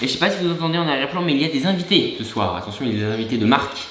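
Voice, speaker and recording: Young man, French accent, casual vlog chatter, rapid delivery, roomy echo. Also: medium pitch, expressive, noisy background. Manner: chatty, filler-heavy, laughs often. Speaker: youtuber. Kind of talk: casual vlog talk to camera.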